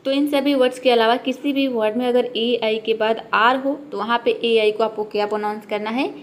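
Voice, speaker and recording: Higher-voiced woman teaching pronunciation. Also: steady tone, a little fast. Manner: explains step by step, asks and answers her own questions. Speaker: English teacher. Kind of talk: classroom-style pronunciation lesson.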